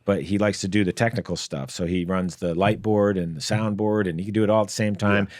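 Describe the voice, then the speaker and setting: Podcast guest: man, lowish voice, dry close sound, rambling storyteller. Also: steady tone, brisk, no echo. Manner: rambling anecdotes with fillers and laughs. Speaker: guest comedian. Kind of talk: casual storytelling. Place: podcast studio.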